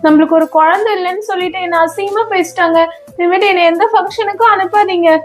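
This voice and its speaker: A touchy, emotional wife, acted by a woman with a very high, shrill voice who scolds readily. Faint music runs underneath. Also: fairly even intonation, quick pace. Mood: hurt. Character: wife, touchy, then tender to the adopted boy. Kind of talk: comedy skit acting.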